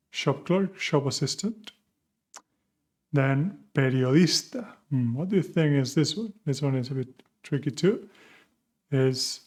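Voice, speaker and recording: A Spanish teacher gives a beginner language lesson, patiently posing questions and answering them himself while mixing English and Spanish. His voice is on the high side and a little mellow.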